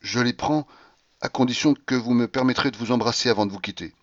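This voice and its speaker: A man's voice: medium pitch, no echo, dull audio. Man reading a classic novel aloud. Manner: measured, with brooding first-person monologue. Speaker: audiobook reader. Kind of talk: audiobook narration of a classic novel.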